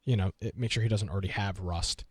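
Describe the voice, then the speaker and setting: A man's voice: fairly low pitch, fairly even intonation, quick pace, breathy edge, no echo, clean studio sound. Upbeat young male podcast co-host. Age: young adult. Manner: chatty and upbeat, with some hesitation. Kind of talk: casual podcast chat.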